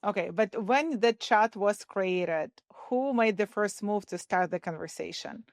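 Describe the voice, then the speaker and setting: A woman's voice: mid-range voice, measured pace, no echo, studio quality. Upbeat woman hosting a podcast. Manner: upbeat, laughs often. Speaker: podcast host. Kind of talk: podcast interview.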